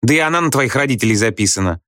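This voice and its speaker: A man reading a story aloud, voicing a bitter, scornful young wife who scolds her husband in quick reproachful outbursts. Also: mid-range voice, animated, fairly bright tone, no echo, studio quality, voice pushed up, natural voice. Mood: shrill.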